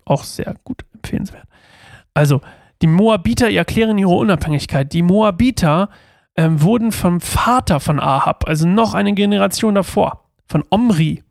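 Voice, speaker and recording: Chatty pastor with a gravelly voice. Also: male voice, high-pitched, dry recording, studio quality. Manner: chatty and slangy, breaks off into asides. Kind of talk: casual Bible reading with commentary. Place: outdoors, walking downhill on wet leaves.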